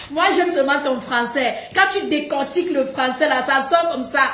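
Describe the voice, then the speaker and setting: Animated gossiping woman in a roomy space. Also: high voice, moderate pace, heavy background noise. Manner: emphatic, repetitive, laughing often. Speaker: live streamer. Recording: roomy echo.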